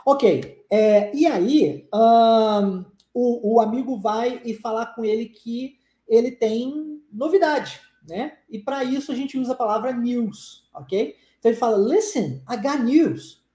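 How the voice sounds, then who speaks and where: Mellow-voiced Brazilian woman teaching, roomy echo. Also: on the high side, measured pace. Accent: Brazilian Portuguese. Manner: upbeat, repeats phrases for drilling. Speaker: English teacher. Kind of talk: live-stream lesson answering comments.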